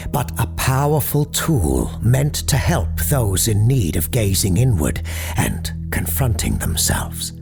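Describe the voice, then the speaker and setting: In this audio drama, a man with a fairly low, fry-tinged voice gives a heavily acted turn as a parapsychologist hosting a late-night paranormal radio show. He is courteous and grave, speaking formally with ominous understatement.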